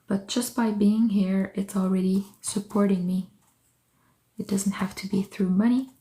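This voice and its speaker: On a low-quality recording, a woman with a warm, steady, mid-range voice talks at a measured pace to her livestream viewers. She is an artist whose first language is French, chatting casually from her studio, greeting people by name and thinking aloud as she works.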